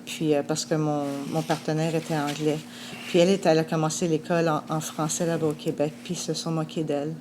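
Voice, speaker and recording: A woman's voice: low voice, background noise. A woman giving a heartfelt, plainspoken personal testimony.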